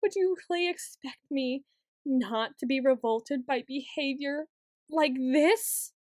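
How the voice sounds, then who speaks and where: A woman's voice: high-pitched, takes it slowly, darkish tone, no room sound, studio quality. A woman playing a paranoid, obsessive young yandere student in an ASMR role-play, stammering, pleading and accusing as she repeats her words insistently. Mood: bitter, obsessive. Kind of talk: ASMR role-play monologue, acted straight to the listener.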